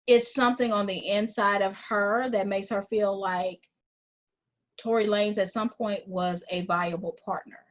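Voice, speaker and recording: Woman co-host, casual debate, deliberate and argumentative, slightly muffled lo-fi audio. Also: medium pitch, fairly even intonation. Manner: deliberate, argumentative, repeats phrases to hold the floor. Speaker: podcast co-host. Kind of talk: casual chat.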